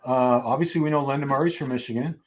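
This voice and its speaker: A man's voice: mid-range voice, fast, poor audio. A man hosting a casual livestream chat, rambling on and asking his guests questions. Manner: rambling, chatty, asks the guests. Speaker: host.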